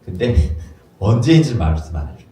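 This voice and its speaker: A man preaching a sermon as a pastor, lively and acting out little dialogues in playful voices. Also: on the low side, moderate pace. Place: church hall. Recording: echoey room from far off.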